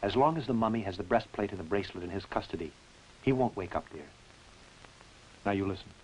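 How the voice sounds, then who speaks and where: A man's voice: lowish voice, expressive, quick pace, natural voice. A man playing a firm, reassuring suitor and father in a dubbed old horror film, speaking in a soothing, insistent way. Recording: hissy, noisy old film soundtrack.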